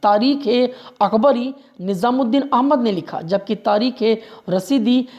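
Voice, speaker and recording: A man's voice: very high voice, unhurried, darkish tone, highs cut off. Man drilling history facts for exams. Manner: drills facts by repeating them; keeps urging listeners to remember. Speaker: history teacher. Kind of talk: exam-prep lecture.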